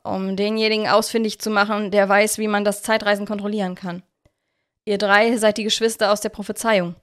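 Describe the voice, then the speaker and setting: An eager young male detective with secrets, as a woman reading a storybook puts him on. He talks in a hurried, excitable rush, a fairly plain storybook voice rather than a heavy character turn. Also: mid-range voice, natural voice.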